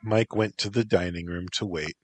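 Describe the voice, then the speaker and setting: A man narrating a story in a measured, even reading. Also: sits low, no room sound.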